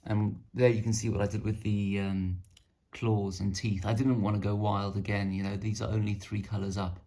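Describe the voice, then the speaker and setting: A man's voice: fairly low pitch, level tone, normal speed, warm tone. A man casually showing off his painted miniatures, rambling and self-deprecating. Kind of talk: casual hobby show-and-tell.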